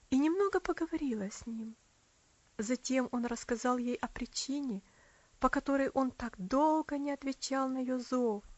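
High voiced lady reading an audiobook, steady and expressive, super dry sound. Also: dry recording. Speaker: audiobook reader. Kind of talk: audiobook narration. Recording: dry, slightly muffled.

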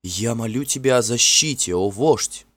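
A man voicing a gentle, frightened young fairy woman who speaks softly and imploringly in a storybook reading. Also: medium pitch, normal speed, slightly rough, no echo, pitched above the performer's own voice. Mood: pleading. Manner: soft, tremulous and imploring.

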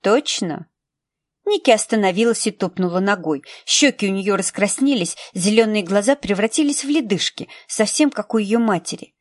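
A woman narrating a novel in a measured storytelling manner, recorded close to a studio mic. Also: mid-range voice, expressive, dry recording. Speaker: audiobook narrator. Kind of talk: scripted narration.

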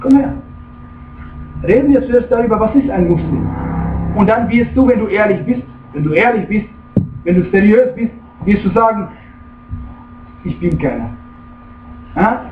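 A man's voice: very high-pitched, noisy background. A man giving a religious lecture as a preacher, speaking emphatically and checking in with his listeners with frequent questions. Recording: tinny, echoey room, far from the mic.

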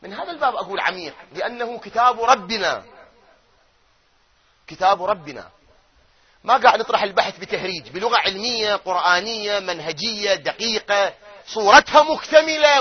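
Guy preaching, high voice, quizzes the crowd then answers himself, muffled lo-fi sound. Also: expressive, brisk. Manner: rising to loud emphatic chanting of verses, then dropping to quiet asides; asks his audience questions and answers them himself. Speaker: cleric lecturing on doctrine. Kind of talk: religious lecture.

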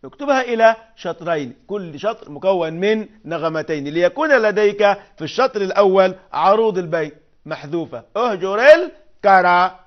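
A man teaching poetic meter, explaining patiently and chanting verses and meter syllables slowly. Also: high-pitched, lively intonation, muffled recording. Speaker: Arabic prosody teacher.

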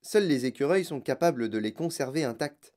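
A woman voicing an eccentric, lively male chocolate maker who explains things with animated enthusiasm. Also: rumbling low, fairly quick. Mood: enthusiastic.

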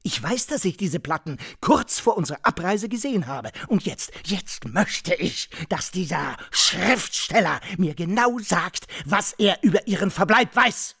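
A man's voice: high voice, lively intonation, measured pace, gravelly, hardly any pauses, bright, forceful tone, slightly rough, no echo, studio quality, full character voice. An actor playing a pompous, aggrieved man who lectures and accuses in a radio drama. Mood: accusing. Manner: insistent, lecturing, pedantic. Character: pompous aggrieved middle-aged man, hectoring. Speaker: Edgar Morgan, aggrieved host.

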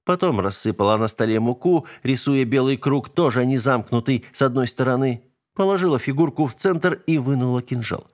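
A man reading a story aloud as narrator, in a steady, expressive manner. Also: mid-range voice, a little fast. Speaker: audiobook narrator.

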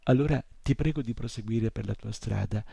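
A man's voice: fairly low pitch, a little fast, creaky, slightly rough, dry recording, exaggerated voice. A man voicing a weary, hopeless little horse. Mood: sorrowful. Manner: soft and heavy with sorrow. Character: small despairing male horse, weary and sad. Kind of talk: audiobook reading.

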